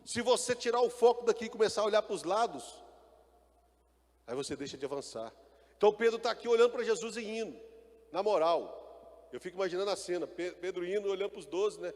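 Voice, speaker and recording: A man's voice: sits high, animated, quick pace, in a large hall. A male pastor preaching a sermon, calling out to the congregation and building to emphatic bursts. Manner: preaching with call-and-response and rising emphatic bursts.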